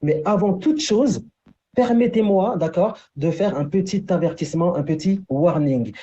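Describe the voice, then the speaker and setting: A man's voice: high-pitched, normal speed, dark tone, muffled recording. A man presenting a business opportunity on a video call, talking in a loose way with many fillers, checking in with "d'accord". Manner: repeats "d'accord" and "entre guillemets", many fillers. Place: Paris.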